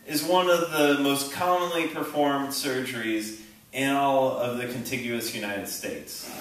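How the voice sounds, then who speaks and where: A young man doing stand-up in a halting, rambling way, stumbling through ums and restarts. His voice sits a bit high and swings up and down a lot, and he talks slowly. The sound is taken from far off in a very echoey room with a clear hiss underneath. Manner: halting, rambling delivery with frequent ums and self-interruptions. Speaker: stand-up comedian. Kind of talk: open-mic stand-up set. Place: small theater stage with a laughing audience. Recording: echoey room recording from a distant camera.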